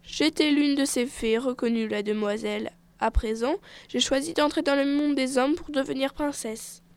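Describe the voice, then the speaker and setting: A soft-spoken young fairy princess from a storybook fairy tale, gentle and a little lonely, as a woman narrator puts her on. The voice is high and dry, kept quiet. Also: fairly even intonation, moderate pace, clear, resonant tone, dry recording. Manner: soft, pleading.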